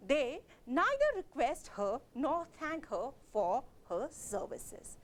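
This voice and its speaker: A college lecturer with a Kashmiri accent delivers a literature lecture, explaining steadily. Her voice sits high, and she uses frequent fillers and self-corrections.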